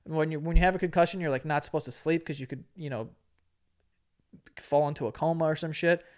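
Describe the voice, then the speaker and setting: A late-twenties podcast host speaks a little fast in a fairly high, steady voice while telling a casual story. He's relaxed and profane, laughing a lot and performing the quotes himself.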